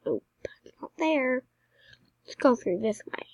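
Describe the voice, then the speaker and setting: Excitable girl gamer chatting over her game, high bouncy voice, slow drawn-out talk. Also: no echo. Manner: excitable, chatty, drops to mumbled asides. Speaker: gameplay commentator. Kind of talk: casual game commentary.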